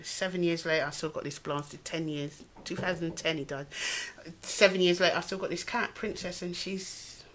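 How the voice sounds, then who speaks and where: A woman's voice: lowish voice, moderate pace. A woman comedian telling stories in casual chat, blunt and sweary. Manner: blunt, sweary, animated storyteller. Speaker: podcast co-host, comedian.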